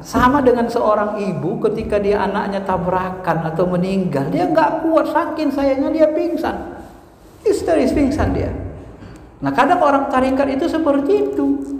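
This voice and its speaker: A man with a fairly high voice preaches in a lively, questioning style, putting a question to the listeners and then answering it. His voice rings out in a reverberant hall with a faint hiss underneath. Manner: animated, asks rhetorical questions and answers them. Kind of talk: religious lecture.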